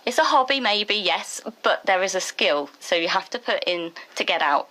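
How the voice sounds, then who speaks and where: A woman's voice: mid-range voice, lively intonation, sharp tone, poor audio. A woman who leads a choir, talking as a guest on a radio interview in a chatty, upbeat way. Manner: chatty and upbeat, quick to laugh. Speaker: choir director.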